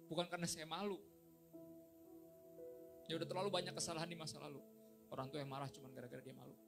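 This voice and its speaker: A middle-aged male pastor giving a casual, joking sermon in a church, slipping in English phrases and getting loud and high when excited. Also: quick pace, creaky, music in the background. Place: church hall.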